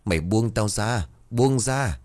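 A man's voice: lowish voice, expressive, slow, a little mellow. A man voicing a drunk, violent middle-aged father who snarls threats in a storybook reading. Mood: furious.

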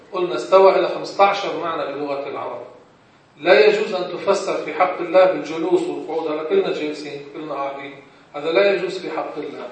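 A man with a Levantine Arabic accent gives a religious lesson in a voice pitched a little high. He asks rhetorical questions and answers them himself. He sounds distant, caught by a far-off mic in a very echoey room. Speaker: religious teacher.

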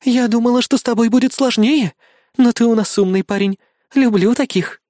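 A man's voice: very high voice, moderate pace, warm tone, no echo, voice pushed up. A male reader voicing a scheming alien woman who controls a host body, mocking and bossy, recorded close on a dry studio mic. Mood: pleased.

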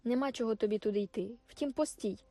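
A woman's voice: on the high side, fast, dark tone, no room sound, natural voice. A woman reading the lines of a brash, dismissive young male soldier, curt and commanding. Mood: hurried.

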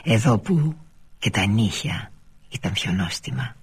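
A man reads a literary novel aloud for radio in a low, very husky voice. His delivery is measured and often sinks to a near-whisper. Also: lively intonation. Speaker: reader.

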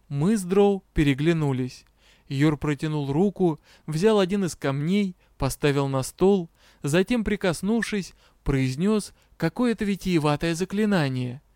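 A man reading a fantasy novel aloud as narrator, with a steady storytelling delivery. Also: high voice, smooth, no room sound, studio quality. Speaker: audiobook narrator. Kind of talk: scripted narration.

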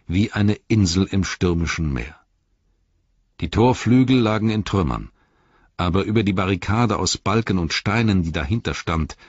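A man with a very deep, husky voice narrates an audiobook in a measured, dramatic way. The recording is dry and a little dull, like lo-fi audio. His reading stays steady and deliberate. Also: no echo.

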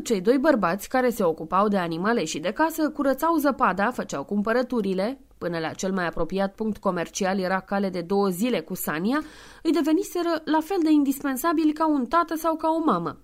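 A woman reading a novel aloud as an audiobook in a measured, clear way, including spoken footnotes. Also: a little high. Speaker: audiobook reader. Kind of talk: scripted narration.

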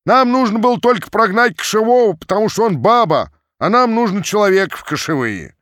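A man voicing a rowdy crowd of shouting male Cossacks in an audiobook reading. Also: sits high, very animated, fairly quick, no room sound, pitched above the performer's own voice, heavily acted. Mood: angry.

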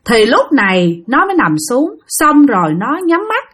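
A woman's voice: high-pitched, very animated, normal speed, fairly bright tone, husky. A woman with a Southern Vietnamese accent telling a ghost story and chatting directly to her listeners. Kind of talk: spoken ghost-story narration.

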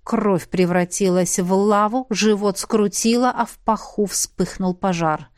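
A woman narrating a novel in the first person, with a measured reading and a hush for whispered lines. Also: mid-range voice, steady tone, dry recording, clean studio sound. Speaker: audiobook narrator.

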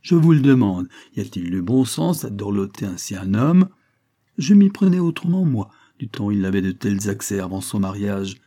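A man voicing a sharp-tongued, domineering older spinster in an audiobook. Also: fairly low pitch, very animated, moderate pace. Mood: scornful. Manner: scolding, domineering.

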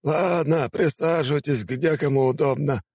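A man's voice: fairly high pitch, normal speed, a little mellow, husky, no room sound, studio quality, pitched above the performer's own voice. A man voicing a jovial elderly male teacher in an audiobook, drawling and exclaiming heartily. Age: older. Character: spry old male teacher, jovial and warm.

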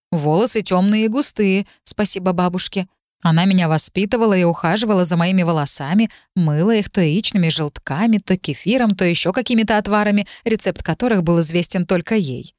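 A woman reading a first-person story aloud as audiobook narrator, even and measured. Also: on the low side, no echo, clean studio sound.

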